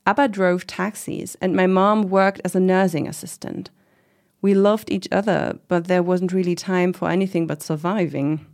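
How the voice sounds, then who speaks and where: Actress as middle-aged commune organizer lady, lowish voice, casual n reflective, telling her life story in an audio drama. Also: gravelly, darkish tone. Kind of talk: conversational oral-history interview acting.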